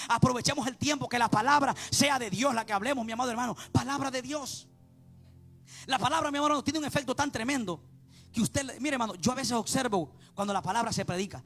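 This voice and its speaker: Male preacher, very high and fast, gravelly edge, fervent sing-song sermon delivery, faint music behind. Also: a bit bright. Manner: impassioned, repeats "mi amado hermano", chants some lines.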